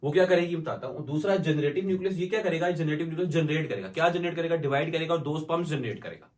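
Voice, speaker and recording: A male biology teacher giving a classroom lecture, asking and answering his own questions and slowing down to dictate definitions. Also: fairly high pitch, a little mellow. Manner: explains in mixed Hindi and English, asks and answers his own questions; slows down to dictate English definitions. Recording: echoey room from far off.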